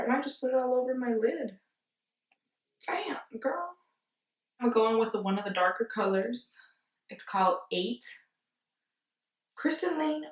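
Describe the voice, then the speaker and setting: Tipsy, giggly female beauty vlogger, playful and exclamatory, higher pitch, very roomy sound. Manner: giggly, tipsy drunk talk. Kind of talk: casual makeup tutorial chat. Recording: echoey room, distant from mic.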